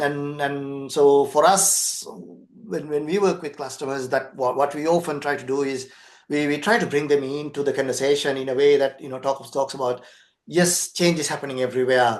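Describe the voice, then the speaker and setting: A man's voice: mid-range voice, roomy sound. A man co-hosting a business podcast, speaking earnestly, repeating words, and often checking in with "right?". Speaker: podcast co-host, transformation consultant. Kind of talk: conversational business podcast discussion.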